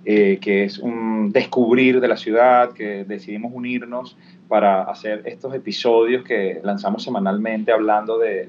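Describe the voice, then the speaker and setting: A man speaks in a relaxed, reflective way, filling his pauses with "eh" and "este". His is plain to hear. The recording sounds dull and lo-fi, with a faint noise in the background. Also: on the low side. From Venezuela. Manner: warm, reflective, frequent "eh" and "este" fillers. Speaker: guest. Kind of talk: casual conversation.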